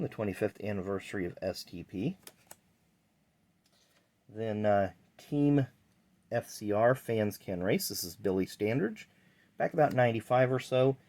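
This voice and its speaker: A man's voice: on the low side, darkish tone. A man hosting a casual card-collecting vlog, talking in a chatty, rambling way with fillers. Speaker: channel host.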